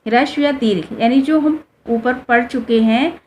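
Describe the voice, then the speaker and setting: A woman with a somewhat high, darkish voice speaks at an unhurried pace, with faint background noise audible. She's teaching a class, patiently posing questions and answering them herself while stretching out vowels to demonstrate how they sound as she explains the lesson to students.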